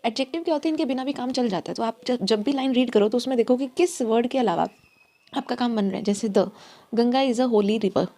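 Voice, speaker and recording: Creaky-voiced woman teaching grammar. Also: a little high, brisk, mellow. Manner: explains examples step by step, mixing Hindi and English; drops to a whisper on example words. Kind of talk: Hindi-English grammar lesson.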